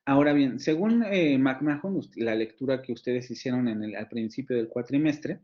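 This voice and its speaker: A man with a Mexican Spanish accent giving a university phonetics lecture, explaining slowly, repeating example words and pausing with fillers. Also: medium pitch, a little mellow, muffled recording. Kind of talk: online lecture to students.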